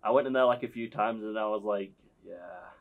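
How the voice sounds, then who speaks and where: A man's voice: fairly low pitch, steady tone, fast, phone-quality sound. A British man chatting casually as a guest, hesitant and full of fillers. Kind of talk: casual chat.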